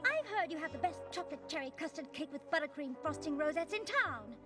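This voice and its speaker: A woman's voice: high voice, sing-song, fairly quick, over music. An actress voicing a fashionable, theatrical young female pony who plays detective and narrates the story. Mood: persuasive. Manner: theatrical, refined, gushing over fabrics. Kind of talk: cartoon voice acting with narration.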